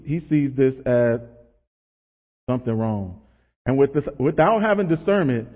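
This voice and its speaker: A man giving a casual, conversational sermon, relaxed and asking the audience rhetorical questions. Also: on the high side. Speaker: preacher. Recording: dull lo-fi sound with long hall reverb.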